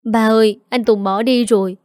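A woman's voice: fairly high pitch, a little fast, darkish tone, no room sound, studio quality, natural voice. A woman voicing a tearful young daughter pleading with her father. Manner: whining and sobbing.

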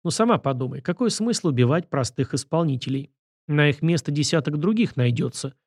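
A man reading the lines of a calm, ironic young man in an audiobook, dry in manner. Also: fairly high pitch, fairly quick, no echo.

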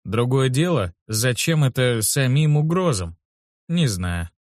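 A man reading a first-person audiobook in a steady, wry storytelling manner on a close studio mic. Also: medium pitch, a little slow, dry recording. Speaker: audiobook narrator.

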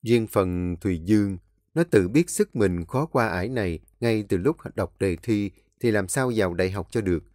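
A man's voice: fairly low pitch, moderate pace, no room sound. Man narrating a story, dry sound. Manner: steady storytelling. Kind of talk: audiobook narration.

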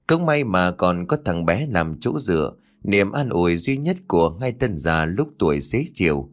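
Low-voiced man narrating a spooky tale. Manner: expressive, animated storytelling. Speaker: audiobook narrator. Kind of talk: dramatic horror story narration.

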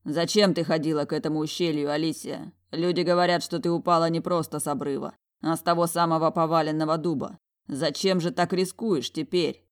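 A woman voicing a powerful male dragon general who speaks calmly but commands in an audiobook. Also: low voice, brisk, natural voice. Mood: stern. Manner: stern, calm, commanding.

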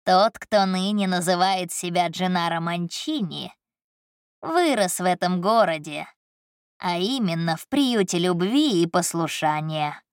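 A woman narrator voicing a smug man who speaks in a sugary, smooth way. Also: fairly low pitch, animated, measured pace, dry recording, studio quality. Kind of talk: audiobook character voice.

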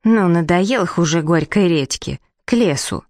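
A woman voicing a grumpy, preachy magic hut on chicken legs with a creaky, unpleasant voice. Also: lowish voice, lively intonation, measured pace, darkish tone, no room sound, studio quality. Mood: grumbling. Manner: nagging and preachy.

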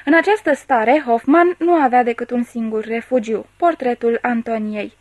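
Woman reading an audiobook, steady and measured, slightly high voice, dry close sound. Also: no echo. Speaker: audiobook narrator.

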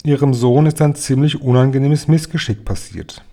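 A man doing a firm calm old grandmother. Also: medium pitch, moderate pace, voice pushed up, natural voice. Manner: composed, patient.

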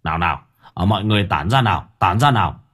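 A man voicing an older village chief who speaks low and haltingly, shaken but in charge. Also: lively intonation, fairly bright tone, breathy edge, exaggerated voice.

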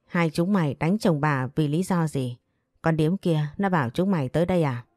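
A woman voicing a jealous young concubine who hurls abuse, with a low, dark voice. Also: moderate pace, no room sound, clean studio sound. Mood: furious. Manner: scolding, abusive. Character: foul-mouthed jealous young concubine, shrill.

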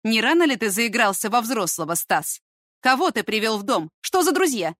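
A stern middle-aged mother who runs a school , voiced by a woman reading aloud. She snaps and demands answers in a raised, high, forceful voice. The sound is dry and close, with no room around it. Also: big pitch swings, moderate pace, no room sound. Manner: sharp demanding outbursts.

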